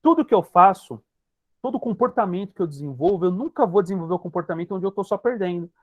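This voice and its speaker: A man's voice: high-pitched, expressive, fast, no echo. A man with a Brazilian Portuguese accent, a hypnotherapist giving an emphatic teaching talk to an online group, speaking straight to his listeners and repeating his key points.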